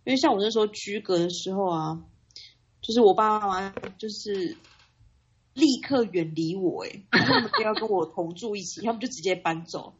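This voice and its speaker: A woman co-hosting a casual chat, telling her story in a quick, laughing way. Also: medium pitch. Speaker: podcast co-host. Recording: dull lo-fi sound.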